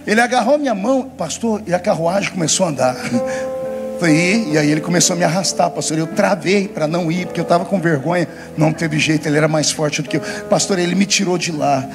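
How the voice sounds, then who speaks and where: A man's voice: fairly high pitch, fast, music in the background, lightly acted. A man voicing an earnest, simple country man with a Minas Gerais accent who drawls through his story.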